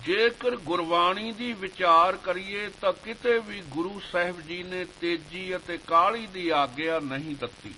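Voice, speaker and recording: A man giving a slow devotional sermon, reciting scripture verses in a measured chanting cadence. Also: sits high, bright, forceful tone, slight background noise, low-quality recording. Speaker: Sikh preacher.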